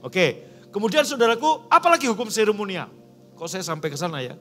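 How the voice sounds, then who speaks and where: Brief: man preaching, very high, bright voice, lively and emphatic. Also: brisk, faint music behind. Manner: emphatic, swings between loud declarations and quiet asides. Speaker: pastor. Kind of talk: lively charismatic sermon. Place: church service.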